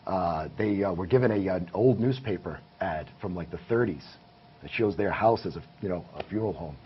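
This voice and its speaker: A paranormal investigator, appearing as a guest in a casual interview, lays out his findings in earnest detail. His voice is low with a breathy edge, and he talks a little fast. The recording is muffled, with faint hiss.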